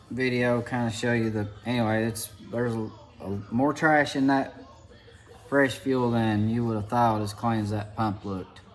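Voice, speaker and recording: A man's voice: mid-range voice, a little mellow. Folksy man with an Appalachian hillbilly accent. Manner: folksy, rambling. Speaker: mechanic video creator. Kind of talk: casual hands-on tutorial vlog.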